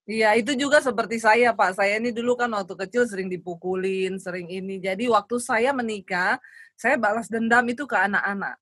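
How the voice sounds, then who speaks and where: A woman's voice: medium pitch, brisk, a bit bright, slightly rough, no room sound, studio quality. A woman telling personal stories in a candid, chatty way. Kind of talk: casual personal chat.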